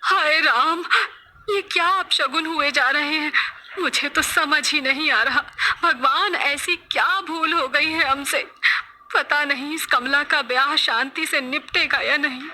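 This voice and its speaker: A woman's voice: high voice, unhurried, sharp tone, a little hiss or hum, exaggerated voice. A woman voicing a fretful superstitious village mother. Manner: fretful and pleading. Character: anxious middle-aged village mother, superstitious.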